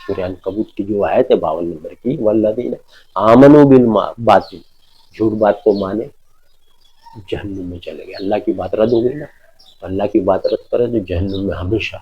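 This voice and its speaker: A man giving an informal sermon, emphatic, often asking his listeners whether they understand and reciting scripture verses slowly. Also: low-pitched, fairly even intonation, breathy edge, lo-fi sound. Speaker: preacher.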